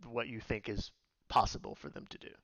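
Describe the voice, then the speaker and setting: A man's voice: lowish voice, little pitch movement, a little fast, vocal fry, fairly bright tone, no echo, highs cut off. A man co-hosting a podcast, speaking thoughtfully and measuredly, with hesitant restarts. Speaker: podcast co-host. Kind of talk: casual chat.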